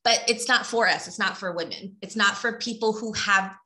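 Casting: middle-aged woman, bright clear voice, chatty and plain-spoken co-host. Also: medium pitch, moderate pace. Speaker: podcast co-host. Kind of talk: casual chat, reading aloud.

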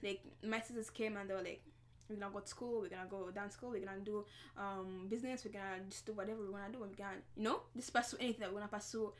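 A woman's voice: mid-range voice, steady tone, racing. Young woman, giggly and chatty. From Congo. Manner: laughing often, heavy use of "like". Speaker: podcast guest, fashion designer. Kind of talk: casual interview chat.

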